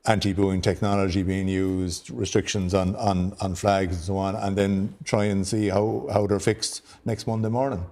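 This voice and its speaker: An Irish man on a studio debate panel, speaking haltingly with frequent restarts and repeated words. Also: low voice, flat delivery, darkish tone. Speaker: newspaper editor panelist. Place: television studio.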